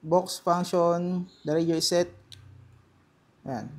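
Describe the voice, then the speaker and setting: A man with a Filipino accent doing a casual hands-on unboxing, halting a little as he thinks aloud. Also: on the high side, a little mellow. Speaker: gadget vlogger.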